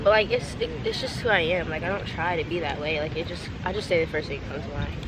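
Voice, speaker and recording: A woman's voice: sits low, fast. A young American woman with a rowdy party-girl manner, chatting casually in blunt, slangy, sweary talk for a Q&A. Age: young adult. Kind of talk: casual Q&A chat. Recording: noisy outdoor ambience.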